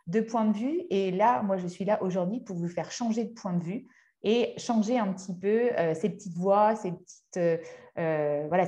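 A woman in her thirties, a hypnotherapist, giving a motivational workshop talk in a conversational, halting way as she searches for words. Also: medium pitch, mellow. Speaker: speaker and hypnotherapist.

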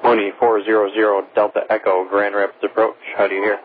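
Casting: male approach controller, flat intonation, formal radio calls on a narrowband channel. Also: fairly low pitch, fast. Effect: radio transmission. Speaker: air traffic controller. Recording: tinny narrowband radio with faint static.

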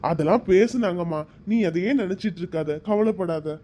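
Performer doing a gentle village father. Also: sits high, unhurried, slight background noise. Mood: calm. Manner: soothing, fatherly, soft-spoken.

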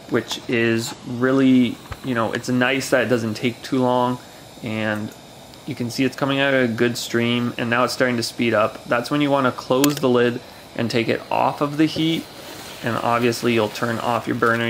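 A man's voice: mid-range voice, a little hiss or hum. A man casually explaining how to make camp coffee, talking step by step at a picnic table in a forest. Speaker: camping gear reviewer.

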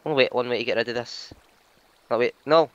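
Male gamer, casual commentary, excitable and foul-mouthed, smooth voice, muffled lo-fi recording. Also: mid-range voice, a little fast. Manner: excitable, swearing, teasing.

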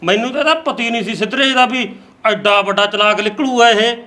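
A man's voice: high voice, fast, bright, forceful tone. An actor playing a stubborn, complaining old father in a rural family drama. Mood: grumbling. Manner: grumbling, complaining. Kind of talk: rural Punjabi web drama acting.

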